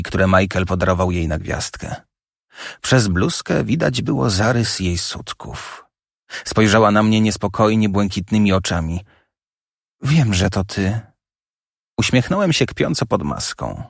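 Gravelly man narrating a dark audiobook. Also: on the low side, no room sound, studio quality. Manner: dramatic, intense storytelling. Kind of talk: first-person audiobook narration.

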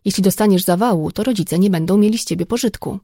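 A woman voicing a calm, teasing friend who stays unhurried. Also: medium pitch, no echo, studio quality, lightly acted.

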